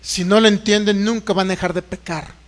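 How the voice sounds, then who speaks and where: A man's voice: high voice, fairly even intonation, fairly quick, long reverb tail. A man preaching a sermon to an online audience, emphatic and mocking, with frequent exclamations.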